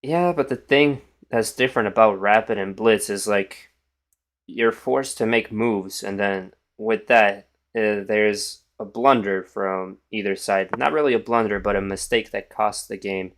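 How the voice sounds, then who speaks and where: A young man streams a chess game on little sleep, still in his morning voice. He sits a little low in pitch and drifts between quiet mumbling and casual chatter to his viewers. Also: a little slow. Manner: mumbling, thinking aloud, trailing off. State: tired, morning voice. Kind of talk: casual live-stream commentary.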